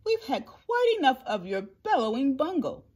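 A woman's voice: sits high, sing-song, moderate pace, darkish tone, voice pushed up. A woman voicing a big, haughty kangaroo from a storybook, pompous, indignant and scolding.

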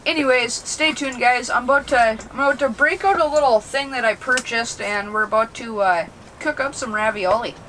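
Holding his vlog camera at arm's length, a young fishing vlogger chats upbeat and casual with viewers he calls dudes as he films his trip on a frozen lake and inside an ice shelter. His very high-pitched voice sounds bright and forceful at a moderate pace. The audio is poor, with a slight hiss or hum.

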